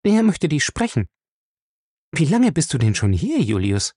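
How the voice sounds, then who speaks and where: A man reading a novel aloud, voicing a firm, quick-witted young woman in a raised voice. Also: low voice, very animated, warm tone, husky, dry recording, studio quality, pitched above the performer's own voice, exaggerated voice. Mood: urgent.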